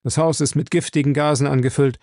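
A man's voice: a little high, steady tone, fast, darkish tone, no room sound, clean studio sound, voice pushed up, lightly acted. A man doing a terse Scottish-born detective. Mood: urgent. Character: tense Scottish-born male police detective.

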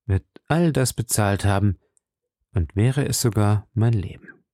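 A man's voice: on the low side, a little slow, warm tone, no room sound, clean studio sound. A man reading an audiobook, voicing a fatalistic, lovesick duke with earnest devotion.

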